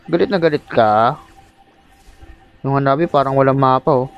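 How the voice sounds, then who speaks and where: A Filipino man giving casual, excitable play-by-play while gaming, teasing his teammates. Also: mid-range voice, moderate pace, clean tone, muffled recording. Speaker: mobile game streamer. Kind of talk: casual live gameplay commentary.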